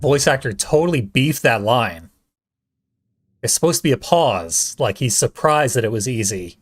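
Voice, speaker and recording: A man's voice: mid-range voice, lively intonation, normal speed. A man giving casual, dryly sarcastic commentary as the host of a video game playthrough. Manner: dry, sarcastic wisecracking. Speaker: let's play host.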